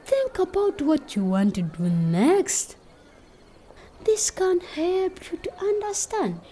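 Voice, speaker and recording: A woman's voice: fairly high pitch, dark tone, a little hiss or hum, low-quality recording. A woman teaching a group of children, speaking in an encouraging, sing-song way. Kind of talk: children's lesson.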